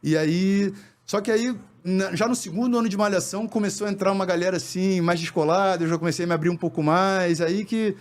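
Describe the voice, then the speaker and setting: A man, talking in a casual interview about his past, in a rapid, halting way with lots of repeated words. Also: sits high, fairly even intonation. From born in New York, raised in Brazil. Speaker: podcast guest, actor.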